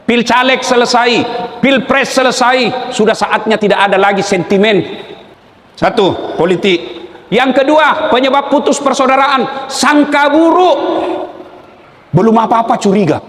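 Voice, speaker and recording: A man with a Makassar Indonesian accent preaching a humorous sermon to a live crowd, joking and shouting questions for the audience to answer. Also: very high-pitched, a little slow. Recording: echoey hall, long reverb.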